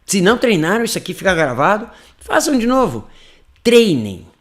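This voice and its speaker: A man's voice: sits high, very animated, normal speed, a bit bright. A Brazilian man teaching English in a live online class, explaining in Portuguese and whispering sample phrases.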